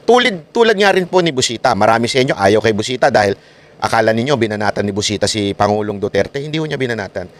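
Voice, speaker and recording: A man hosting a political vlog, talking in an animated, mocking way, often laughing and mimicking his critics. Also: lowish voice, fast. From Philippines. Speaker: political vlogger host.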